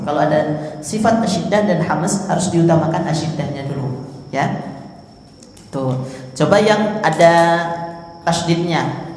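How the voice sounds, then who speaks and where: Man, unhurried patient drill-style teacher; long roomy reverb. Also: on the high side, slight background noise. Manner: patient, drills sounds by repeating them. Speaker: Quran recitation teacher. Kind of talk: tahsin pronunciation lesson. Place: mosque hall. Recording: echoey mosque hall with long reverb.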